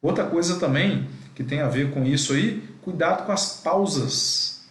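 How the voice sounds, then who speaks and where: Brazilian male teacher, slightly high voice, didactic, echoey room. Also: unhurried. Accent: Brazilian Portuguese. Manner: didactic, addresses students as "gente". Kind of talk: live online class.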